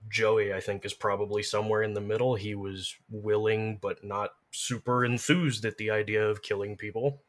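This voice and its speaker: A man with a somewhat low, steady voice is a guest in an informal discussion. He speaks in a measured, thoughtful way and often qualifies what he says.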